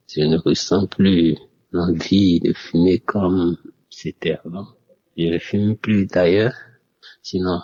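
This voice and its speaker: Slow, deep, husky man, muffled. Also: darkish tone. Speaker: caller giving a testimony. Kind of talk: recorded voice-message testimony.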